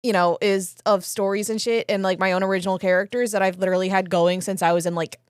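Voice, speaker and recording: A woman's voice: mid-range voice, steady tone, fast talker, clear, resonant tone, no room sound, clean studio sound. Rambling, swearing woman podcaster. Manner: rambling, swears, many fillers. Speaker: podcast co-host. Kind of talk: casual chat.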